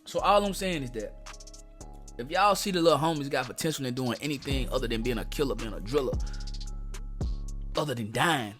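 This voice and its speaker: A man's voice: medium pitch, a little fast, long pauses, a bit bright, faint music behind. A young man hosting a reaction video, talking bluntly in street slang with plenty of profanity and telling stories between clips. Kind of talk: casual reaction commentary.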